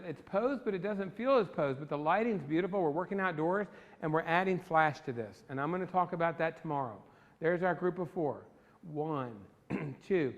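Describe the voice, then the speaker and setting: An enthusiastic man leads a photography workshop and keeps turning to his class with questions. His voice sits a little high for a man. The sound rings with the long reverb of a big studio classroom. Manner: enthusiastic, talks to the class directly. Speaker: photography instructor. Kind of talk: live workshop lecture. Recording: long reverb in a large room.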